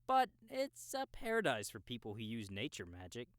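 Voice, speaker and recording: In clean, echo-free studio audio, a man of medium pitch voices a cocky, laid-back young gamer guide in an audiobook set in a game world. His pitch swings hugely at a moderate pace, with a slightly bright tone. He explains things in a casual, slangy, teasing way.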